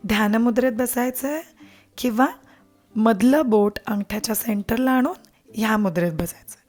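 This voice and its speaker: A woman teaching prenatal yoga and breathing, speaking calmly and slowly, sometimes nearly whispering. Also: a little high. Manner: calm, slow, soothing, at times near a whisper. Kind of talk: guided breathing and yoga instruction.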